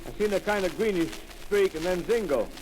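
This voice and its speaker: An actor playing a slow, plain-spoken rural farmer in a 1930s radio drama, with a hesitant, rambling drawl, heard in a noisy old broadcast recording. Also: male voice, high voice, lively intonation. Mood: drowsy, rambling. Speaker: farm owner interviewed on air.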